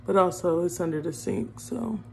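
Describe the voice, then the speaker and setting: A woman's voice: lowish voice, normal speed, a little mellow, slight background noise. A woman chatting casually to viewers as she does her makeup, humming along as she works. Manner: chatty, addresses viewers as y'all, hums while working. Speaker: beauty vlogger. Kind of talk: casual makeup vlog chat.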